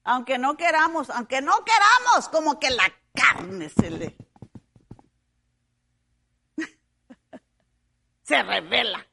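A woman delivers a fervent sermon in a high, bright voice. She stretches out key words and rises into shouted praise, then drops back to a conversational preaching tone. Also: big pitch swings, very slow, creaky, long pauses, breathy edge. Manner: fervent, breaks into hallelujahs and shouted phrases.

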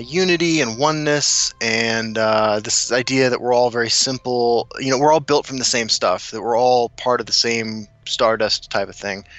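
A man's voice: medium pitch, a bit bright, no echo, lo-fi sound. An American man co-hosting a casual chat, rambling and interrupting himself as he tells stories. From United States. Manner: rambling, self-interrupting storyteller. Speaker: co-host.

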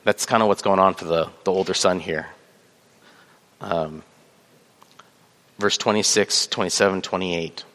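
A man preaching a sermon as pastor, measured, with fillers, reading scripture aloud. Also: low-pitched, fairly even intonation, a bit bright. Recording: long hall reverb.

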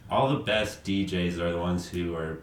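A man's voice: low voice, moderate pace. A man in his twenties hosting a podcast, chatting casually, rambling and laughing often. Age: 20s. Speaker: podcast host. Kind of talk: casual interview chat. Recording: echoey room with faint noise.

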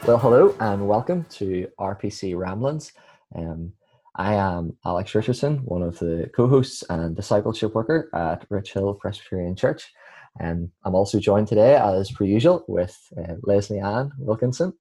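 A young Northern Irish man co-hosting a church podcast, chatting with many ums and pauses. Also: fairly low pitch, animated, dark tone, slightly rough. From Northern Ireland. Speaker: podcast co-host, church worker. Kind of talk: casual chat.

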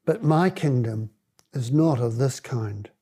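A man voicing a calm, steadfast man on trial in a scripture reading. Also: medium pitch, slow, breathy edge.

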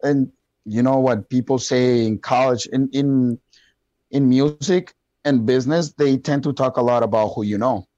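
A young man with a thick Colombian Spanish accent, a podcast guest, discusses his views casually at a moderate pace, relaxed and searching, hesitating with many fillers and restarts. His mid-range voice is mellow and dark, recorded dry and close with no echo in dull, lo-fi sound.

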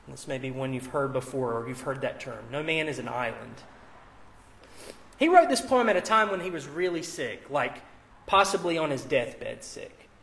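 A man's voice: medium pitch, expressive, moderate pace, gravelly, a bit bright. A man preaching as a pastor in a conversational, informal and explanatory way, with casual asides, at a live church service. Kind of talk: conversational sermon.

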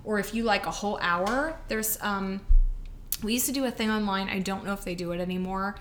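A woman's voice: medium pitch, brisk. Woman cohost chatting about writing, frank and punchy, bit of faint noise behind. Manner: candid, punchy, laughing. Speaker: podcast co-host, author. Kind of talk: casual chat.

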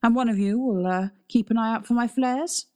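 A woman's voice: fairly high pitch, brisk, a little mellow, voice pushed up, close to an everyday voice. A woman voicing Adrian, an agitated defiant man. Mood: impatient. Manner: restless, impatient. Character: agitated man, defiant caretaker, deep-toned.

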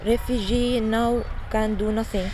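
A young Syrian woman, a native Arabic speaker, talking in halting, broken English with a Syrian Arabic accent, interviewed outdoors in a refugee camp. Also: fairly high pitch, fairly even intonation. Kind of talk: casual interview. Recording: noisy outdoor field recording.

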